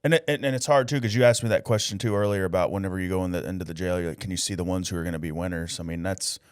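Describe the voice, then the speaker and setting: A man's voice: low voice, very fast, clear, resonant tone, no echo. Laid-back man in his thirties, dry sound. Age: 30s. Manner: laid-back, casual slang. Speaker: podcast host. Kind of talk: casual conversational interview.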